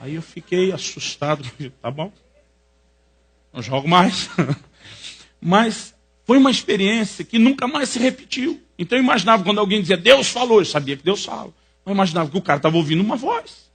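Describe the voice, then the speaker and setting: A Brazilian man, a pastor, preaching with jokey, animated storytelling in a husky voice. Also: high voice, brisk. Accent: Brazilian Portuguese. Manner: animated, jokey storytelling with rising excited peaks. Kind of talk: sermon storytelling.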